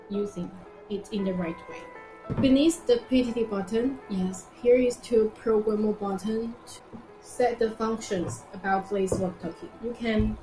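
A young woman with a mid-range voice demonstrates products in an indoor showroom, in an informal live format. She uses simple, halting non-native English and repeats phrases, while the room echoes and music plays in the background.

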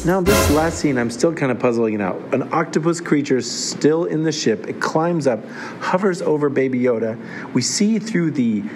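A man's voice: medium pitch, a little hiss or hum. A man hosting a comedic TV review, talking in a wry way with sarcastic asides. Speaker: host reviewing a TV series.

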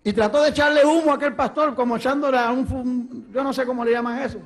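A man in his thirties with a Puerto Rican accent, giving an animated testimony sermon in a church hall on a handheld mic. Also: very high voice, quick pace, soft background music. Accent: Puerto Rican Spanish. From Puerto Rico. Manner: animated, gesturing, storytelling. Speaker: preacher. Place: church hall stage at a pulpit.

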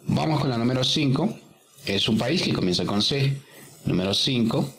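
A man's voice: medium pitch, animated, moderate pace, creaky, fairly bright tone, a little hiss or hum. A man teaching English, working through a workbook exercise step by step and patiently repeating each answer.

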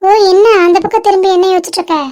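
A bubbly teenage girl, voiced by a woman, chatters at her best friend in a very high, piping voice. She teases and presses with quick questions. It sounds like a homemade drama. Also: steady tone, mellow. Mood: earnest.

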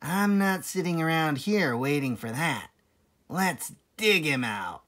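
A determined farmer villain from a children's storybook, as a male reader plays him. He is gruff and commanding, with a forceful, bright-edged voice that rises and falls widely. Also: fairly high pitch, expressive, slow, pitched above the performer's own voice.

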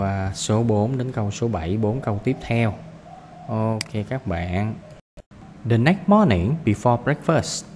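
A man with a Vietnamese accent teaching English to young learners, reading the text slowly and repeating words to drill pronunciation. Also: lowish voice, a little mellow, in a large hall, slight background noise. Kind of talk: classroom reading lesson.

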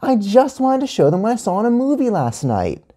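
A man voicing a loud, indignant young schoolgirl in a high, squealing voice. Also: huge pitch swings, fairly quick, exaggerated voice. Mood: pleading.

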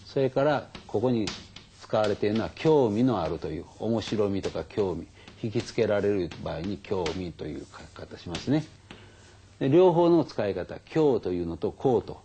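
A man's voice: on the low side, mellow, breathy edge. An older man, patiently explaining how to write kanji to schoolchildren, with many fillers. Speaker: elementary school teacher. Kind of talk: kanji lesson for children.

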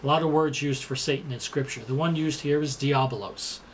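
A man's voice: a little high, fairly even intonation, brisk, slight background noise. A man preaching a sermon, explaining words and repeating the verse for emphasis. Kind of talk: sermon teaching.

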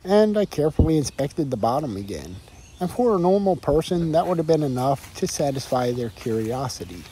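A man's voice: a little high, very animated, brisk, mellow, slight background noise. A man, narrating his exploration of old ruins in an earnest, reflective way. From northern Delaware. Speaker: restoration vlogger. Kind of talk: documentary narration.

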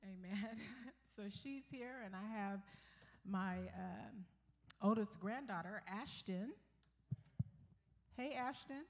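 A woman's voice: mid-range voice, slow pace, gravelly, long pauses. An older woman preaching a sermon in church, praying and reading scripture with frequent amens and hallelujahs. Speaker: guest preacher. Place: church sanctuary.

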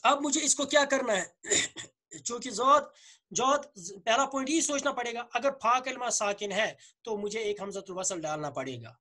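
A man with a Kashmiri accent and slightly hoarse throat, teaching a grammar lesson, asking questions and answering them himself while repeating words slowly. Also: very high-pitched, animated, sharp tone. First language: Urdu. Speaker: Arabic teacher.

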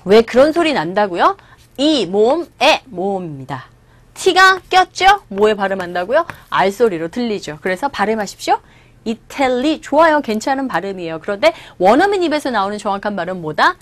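A woman's voice: mid-range voice, big pitch swings, brisk, no room sound. A woman from South Korea, teaching an English lecture and drilling pronunciation by repeating model words and quizzing her students. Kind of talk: online lecture.

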